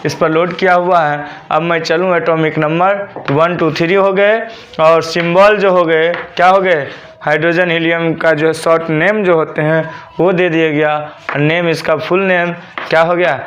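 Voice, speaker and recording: A man's voice: fairly high pitch, flat delivery, moderate pace, fairly bright tone, highs cut off, slight background noise. A male teacher, giving a classroom lesson and drilling students with repeated questions for them to answer back.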